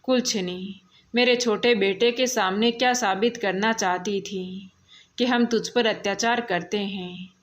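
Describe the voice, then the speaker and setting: A woman voicing a cruel, scheming middle-aged mother-in-law who scolds and threatens, in a slow storybook telling. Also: mid-range voice, steady tone, natural voice. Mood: threatening.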